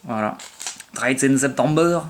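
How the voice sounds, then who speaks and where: An eager man chats his way through opening card packs, piling up fillers and restarts. He slows right down to sound out foreign card names. A faint hiss sits under the recording. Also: mid-range voice. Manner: chatty, enthusiastic, many fillers and restarts; reads out foreign card names slowly and haltingly. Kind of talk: casual card-opening commentary.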